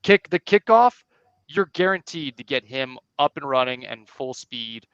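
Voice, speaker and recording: A man co-hosting a sports podcast, giving quick, energetic game analysis in casual chat. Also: mid-range voice, smooth, dry recording. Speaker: podcast co-host. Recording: dull lo-fi sound.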